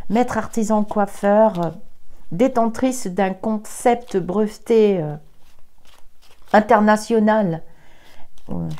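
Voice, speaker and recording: A woman's voice: mid-range voice, a little mellow. A woman medium doing a tarot reading on a live stream, chatting to viewers and exclaiming as she counts out her cards. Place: indoors at a desk with a camera.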